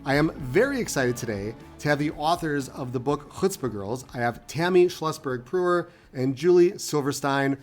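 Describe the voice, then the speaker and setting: A man hosting a podcast interview, upbeat and chatty, warmly welcoming his guests. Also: on the high side, animated, moderate pace, few pauses, soft background music. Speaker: podcast host.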